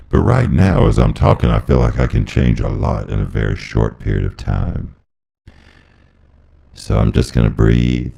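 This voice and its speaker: Speaking through a pitch-shifting voice transformer, a male comedian sounds deep and gravelly in an electronic way. He wanders through a deadpan comedy monologue full of absurd musings.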